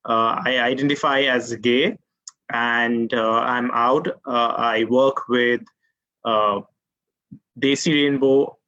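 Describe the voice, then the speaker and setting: A man's voice: mid-range voice, steady tone, slow pace, bright, forceful tone, dull audio. A man from India, a community outreach guest on a video call, speaking hesitantly with many uhs.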